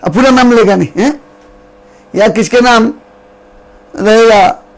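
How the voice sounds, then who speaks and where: A man is preaching a devotional sermon, acting out a story as he goes. His voice sits very high and carries a gravelly fry. He repeats his phrases and chants verses slowly. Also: low-quality recording.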